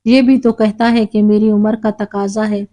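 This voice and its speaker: A woman voicing a patient, long-suffering elderly mother who speaks softly. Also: mid-range voice, fairly even intonation, close to an everyday voice, poor audio. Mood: sad.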